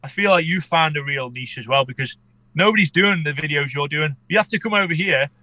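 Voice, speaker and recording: A man talks casually as a guest in an interview. His voice is fairly high and bright, yet stuffed up with a cold, as if underwater. The sound is dry and close. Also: brisk, no room sound, poor audio. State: congested with a cold, muffled as if underwater. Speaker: podcast guest, amateur shark expedition filmmaker.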